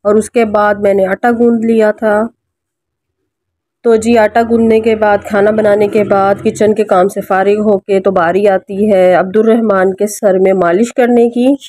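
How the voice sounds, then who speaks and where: A woman's voice: medium pitch, level tone, a little slow, mellow, no echo. A woman with a Pakistani Urdu accent, a mother narrating a casual cooking and family vlog at home, chatty and often asking viewers for their help. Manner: chatty, keeps addressing viewers with requests. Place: home kitchen and family room.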